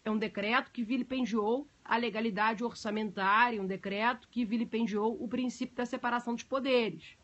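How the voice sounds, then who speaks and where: A budget law teacher runs a live-stream class, recorded on a phone, in a fairly high, slightly bright female voice with the highs cut off. She explains at length, chats with viewers between points, and uses many fillers.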